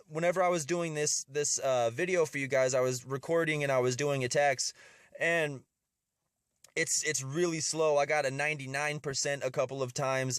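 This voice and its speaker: A man's voice: mid-range voice, fairly bright tone, dry recording, studio quality. A man with a slightly stuffy nose from a cold, giving casual gameplay commentary as host of a strategy video and often repeating his words.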